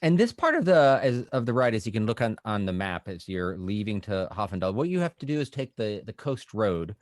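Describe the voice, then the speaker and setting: A man running a tabletop game as game master, narrating haltingly with many ums and restarts. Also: on the low side, very animated, dry recording.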